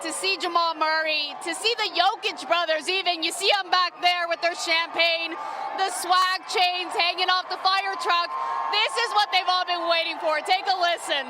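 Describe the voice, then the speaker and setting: A woman field reporter, excited and gushing, reporting live from outdoors and projecting her voice. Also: very high voice, moderate pace. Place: outdoors among parade crowd. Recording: very noisy outdoor crowd. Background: loud cheering crowd.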